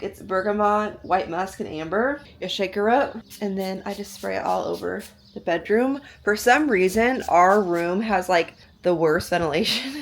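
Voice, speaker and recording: A young woman vlogging casually at home in her bedroom, rambling with lots of "like" fillers and sounding stuffed up from allergies. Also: mid-range voice. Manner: chatty, rambling, many "like" fillers. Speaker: lifestyle vlogger. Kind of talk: casual vlog chat.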